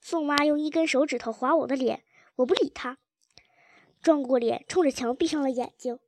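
High-voiced woman reading a story. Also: moderate pace, a little mellow, dry recording. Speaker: audiobook narrator.

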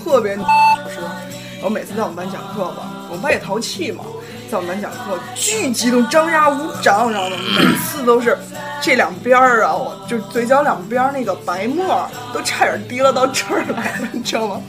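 Female host, casual chat: higher, lively voice, giggly, music underneath. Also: fairly quick. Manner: giggly, animated storyteller. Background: background music.

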